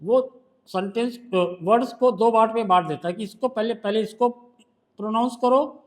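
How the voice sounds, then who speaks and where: A man's voice: sits high, normal speed. A male shorthand teacher with a Hindi accent, patiently quizzing a student during one-on-one tutoring.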